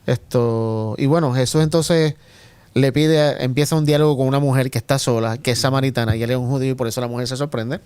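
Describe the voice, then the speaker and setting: A man's voice: mid-range voice, fairly even intonation, fast talker, darkish tone, clear, resonant tone, dry recording. A man leading a casual Bible study discussion in a church group, asking others to look up verses. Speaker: Sabbath School discussion leader. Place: church room.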